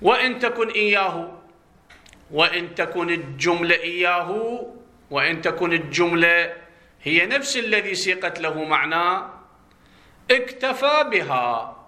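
Teaching grammar to a class, this Iraqi Arabic-accented man speaks with a fairly high pitch and an animated, sharp tone. He stretches out stressed words as he explains terms, asking questions and then supplying the answers himself.

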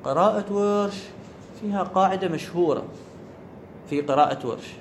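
A man's voice: high voice, moderate pace, slight background noise. A man giving a classroom grammar lecture, often checking whether his students follow and repeating the key words. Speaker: teacher of Arabic grammar.

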